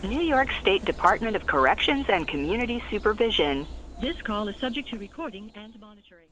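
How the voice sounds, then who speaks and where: A woman's voice: medium pitch, fairly quick. A woman's recorded automated announcement for a prepaid collect call, heard over a payphone line. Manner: flat recorded prompt, evenly paced. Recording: distant phone line with faint hiss.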